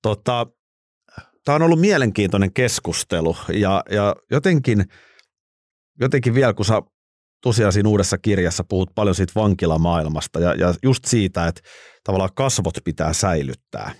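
Male interview host: lowish voice, relaxed and curious, uses easy fillers, dry close sound. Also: no room sound. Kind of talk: casual interview.

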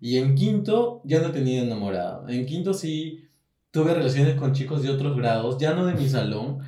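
A man's voice: mid-range voice, lively intonation, warm tone, distant mic. Peruvian man telling a story, roomy. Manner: candid, laughs often, quick asides. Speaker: podcast co-host. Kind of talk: casual storytelling chat. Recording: roomy echo, voice a bit off-mic.

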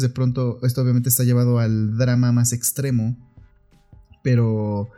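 Reflective man with a warm mellow voice. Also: mid-range voice. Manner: reflective, searching for words. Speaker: podcast co-host. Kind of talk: casual film discussion.

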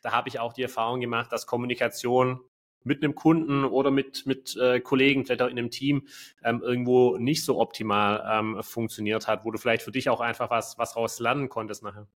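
A man's voice: mid-range voice, fairly even intonation, brisk. A man hosting an interview podcast, asking long rambling questions full of fillers. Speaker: podcast host.

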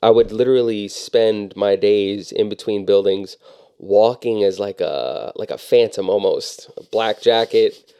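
A man's voice: lowish voice, unhurried, mellow, clear, resonant tone, dry recording, clean studio sound. A man in his thirties co-hosting a podcast in casual chat, laid-back and dryly self-mocking. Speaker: podcast co-host.

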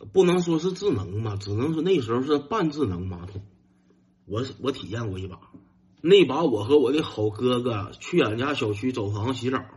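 A man with a Northeastern Mandarin accent telling a self-mocking stand-up story, acting out his younger self in high, whiny shouts. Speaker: stand-up comedian.

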